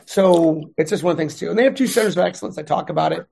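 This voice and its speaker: A middle-aged man, a veteran and math instructor, chatting in an interview with animated, rambling storytelling. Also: fairly high pitch, racing, creaky, slightly rough. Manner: rambling, animated retelling with voiced quotes.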